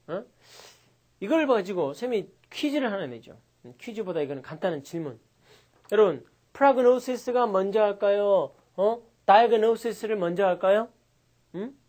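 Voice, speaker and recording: A woman's voice: mid-range voice, a little mellow. A woman lecturing on English vocabulary in a chatty way, asking her students questions and acting out small scenes. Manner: chatty, asks listeners questions, acts out little scenes.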